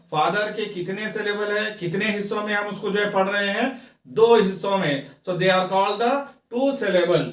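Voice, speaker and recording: A man with a Pakistani Urdu accent teaches English grammar at a slow, steady pace. He spells words letter by letter and answers his own questions. The recording is echoey, with the voice far from the microphone. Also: high voice. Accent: Urdu-speaking, Pakistani. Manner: explains step by step, asks questions and answers them himself. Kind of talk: classroom grammar lesson. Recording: echoey room, voice far from the mic.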